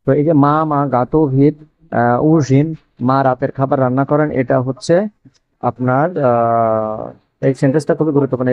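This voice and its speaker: A man's voice: mid-range voice, dry recording, dull audio. Male teacher for a casual spoken lesson, repeats and translates patiently; dry, close recording. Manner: repeats phrases slowly, translating each word. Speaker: Russian language teacher.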